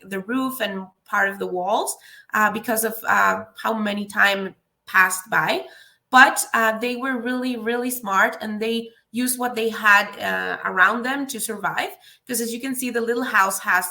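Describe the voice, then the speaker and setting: A young woman from Peru, a student presenting in a live webinar in earnest, halting English with many fillers. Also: medium pitch, vocal fry, bright, forceful tone. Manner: earnest, with frequent fillers and restarts.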